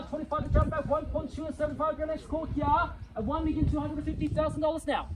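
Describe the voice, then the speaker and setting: Male real estate auctioneer, extremely high voice, showy rallying patter and repeated bid calls. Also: noisy background. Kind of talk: live auction calling, repeating bid amounts. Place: live property auction before a crowd.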